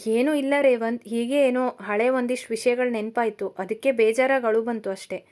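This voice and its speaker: A woman's voice: fairly high pitch, steady tone, normal speed, a little mellow, close to an everyday voice. Woman reading a pleading worried mother. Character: middle-aged mother, worried and tearful.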